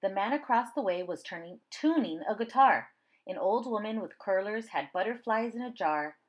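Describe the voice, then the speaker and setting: A woman of medium pitch narrates a children's story expressively, keeping a moderate pace as she reads aloud like a storybook reader.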